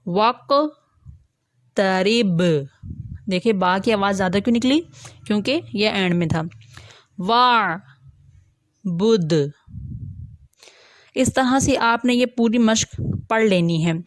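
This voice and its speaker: A woman teacher giving an online Quran reading lesson, patiently explaining step by step, asking her class questions and slowly sounding out letters. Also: medium pitch, no echo, clean studio sound.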